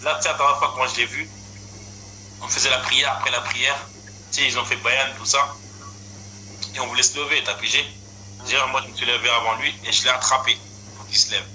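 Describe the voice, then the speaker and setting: Bright-toned young man chatting casually. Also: medium pitch, fairly quick, pauses often, a little hiss or hum, rough recording. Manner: relaxed, frequent agreeing interjections. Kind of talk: casual chat.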